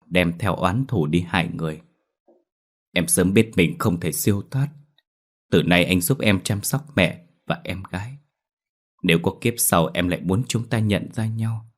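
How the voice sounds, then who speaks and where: A man voicing the vengeful female ghost of a young nurse, rasping and tearful, in a spoken horror story. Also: deep voice, a little slow. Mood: remorseful. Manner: rasping, wailing, then tearful.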